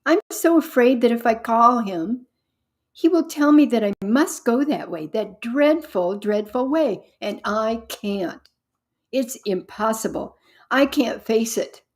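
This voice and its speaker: A woman reading aloud voices a frightened young heroine who pleads and gasps in panic, higher and louder than her narration. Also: sing-song, normal speed, gravelly, few pauses, slightly rough, heavily acted. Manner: panicked, trembling.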